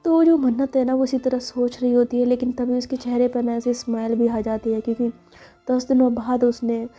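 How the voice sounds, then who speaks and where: A woman's voice: fairly high pitch, level tone, a little fast, dark tone, dull audio, faint music behind. A woman storyteller retelling a romance casually, with chatty fillers. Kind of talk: casual spoken story narration.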